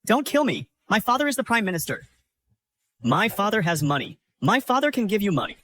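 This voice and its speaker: A man's voice: fairly high pitch, very animated, moderate pace, a bit bright, slight background noise. An actor playing an arrogant, sneering young nobleman, the prime minister's son, in a dubbed drama. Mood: pleading. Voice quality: sneering, boastful, turns pleading. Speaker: villain.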